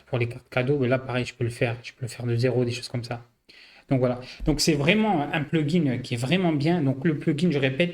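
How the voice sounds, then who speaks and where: Man, casual software tutorial host, chatty filler-heavy walkthrough, mid-pitched voice. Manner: loose, filler-heavy walkthrough with frequent "hop" and "vous voyez". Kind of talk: casual screen-share tutorial.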